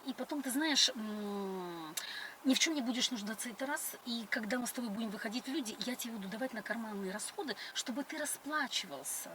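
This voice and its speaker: A middle-aged woman with a fairly high, animated voice talks rather quickly while on a date, chatting casually in a grand, coquettish and condescending way. The conversation happens inside a car, and the recording picks up a lot of interior noise.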